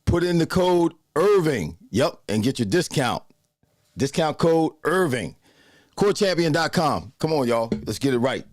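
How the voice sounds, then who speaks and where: A man's voice: a little high, big pitch swings, measured pace, dry recording, studio quality. A man in his sixties hosting a casual live show, chatting loosely and greeting viewers by name. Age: 60s. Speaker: host. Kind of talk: casual livestream chat with viewers.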